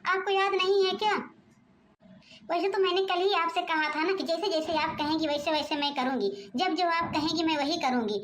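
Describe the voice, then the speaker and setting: A woman's voice: extremely high pitch, a bit bright, echoey room, slight background noise. A woman with an Awadhi-region accent voicing a cheeky, stubborn young daughter-in-law who answers with mock obedience in a home-made cartoon. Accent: Awadhi-region Hindi. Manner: sweetly sly, mock-obedient.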